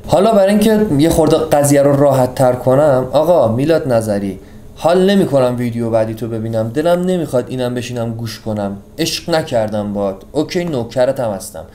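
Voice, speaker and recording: A man casually summarizing a book for his audience, chatty and jokey, swinging between loud and hushed delivery. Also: mid-range voice, reverberant, a little hiss or hum.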